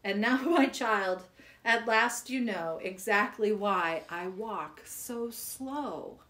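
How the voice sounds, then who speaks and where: A woman's voice: mid-range voice, takes it slowly, a bit bright. A woman reading children's poems aloud in a playful, giggly way. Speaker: poetry reader.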